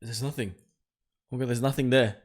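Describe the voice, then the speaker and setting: A male video game streamer with a medium-pitched, steady voice talks briskly through a let's-play. He reads the game's text aloud and reacts in a jumpy, anxious way, with nervous exclamations between passages.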